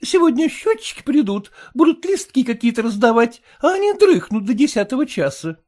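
A female reader voices a fussy, fretful middle-aged merchant's wife who scolds in a shrill, raised voice. Her delivery is sing-song, a little fast, and darkish in tone, with a scolding mood.

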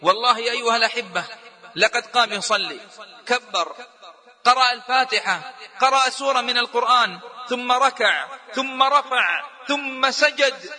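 Preacher guy telling a story, really high piercing voice, long hall echo. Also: normal speed. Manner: impassioned, rising to near-shouting at climaxes. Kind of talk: emotional storytelling sermon.

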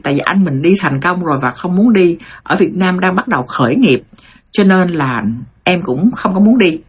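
Middle-aged woman host, husky voice, animated story monologue, addresses the audience directly. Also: lowish voice. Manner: addresses audience as "thưa quý vị", animated retelling. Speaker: host retelling listeners' life stories.

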